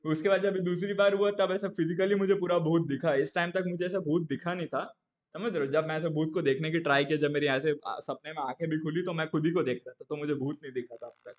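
A young man chatting casually on a live stream, telling an animated story and often checking in with his viewers. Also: on the high side, fast, lo-fi sound.

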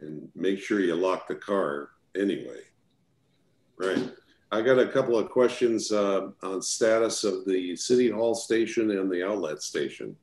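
A man chairing a city committee meeting, talking informally and haltingly with fillers. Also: low-pitched, animated, a little mellow, roomy sound. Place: council chamber.

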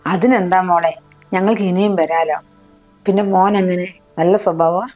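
A woman playing a gentle middle-aged mother. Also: on the low side, steady tone, moderate pace, soft background music, lightly acted. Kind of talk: short film acting.

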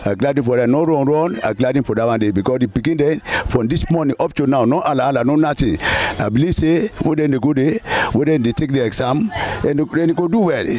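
A man's voice: mid-range voice, fast talker, darkish tone. A middle-aged man with a Sierra Leonean Krio accent, answering outdoors on a street, hesitant and repeating himself. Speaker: interviewed community member. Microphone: handheld mic held by interviewer.

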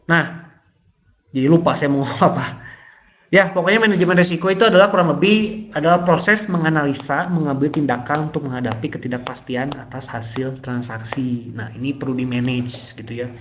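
A man's voice: a little high, fairly quick. A man presenting a trading webinar, explaining in a casual, chatty way with many fillers. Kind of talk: live webinar lecture. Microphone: laptop microphone. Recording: tinny phone-like webinar audio.

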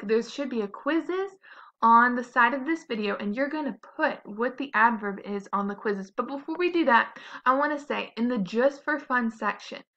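A young woman teaching children a grammar lesson, slow and clear, cheerful as she leads a sing-along dance chant. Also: a little high, bright, forceful tone, reverberant, lo-fi sound.

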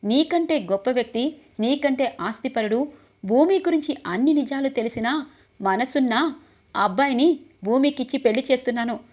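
A woman's voice: high-pitched, normal speed, close to an everyday voice. A woman voicing a stern, domineering older father who scolds angrily and raises his voice. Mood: scornful. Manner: angry, scolding, shouting.

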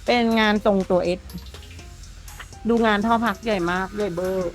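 A woman's voice: mid-range voice, steady tone, normal speed. A woman gives an enthusiastic, chatty walkaround of a customized truck at an outdoor workshop. Her speech is polite throughout. Faint music plays underneath her voice. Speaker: presenter for a truck body workshop channel. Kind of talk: walkaround vehicle showcase.

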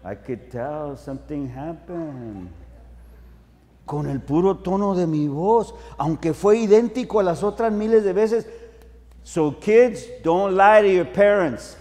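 A middle-aged male pastor preaches at an unhurried pace with a fairly high voice, mixing humor into his stories. His words ring out with a long reverb in a large hall. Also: darkish tone. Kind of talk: bilingual sermon.

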